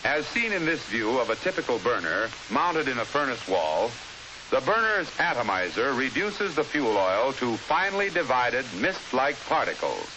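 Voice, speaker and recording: An American man reading a scripted 1950s instructional film narration in a formal, measured, explanatory manner, on an old film soundtrack. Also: medium pitch. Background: steady hiss.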